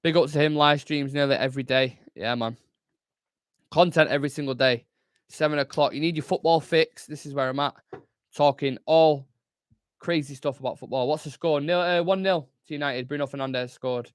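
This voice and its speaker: A man's voice: a little high, fairly even intonation, moderate pace, clear, resonant tone, no echo. Brief: young man, fan-channel host, loose sweary live chat, dry close-mic sound. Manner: casual, chatty, swears freely, reads chat aloud. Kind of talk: live football watchalong chat.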